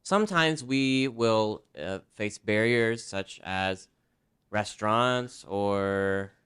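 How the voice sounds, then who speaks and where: Smooth-voiced male interpreter voicing a talk. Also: on the low side, takes it slowly, fairly bright tone. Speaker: sign language interpreter. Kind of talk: voicing a presenter's signed talk in first person.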